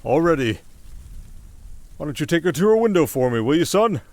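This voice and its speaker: A man voicing a kindly old Santa in an audio roleplay, patient and fatherly, speaking in an avuncular, unhurried, gently preaching way. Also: fairly high pitch, big pitch swings, no room sound. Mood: amused, fatherly.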